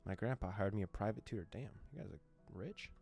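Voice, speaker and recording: He talks fast in a lowish, slightly mellow voice with some vocal fry, and faint music plays behind him. This young gaming YouTuber reads a visual novel aloud and translates it, frequently joking around and laughing.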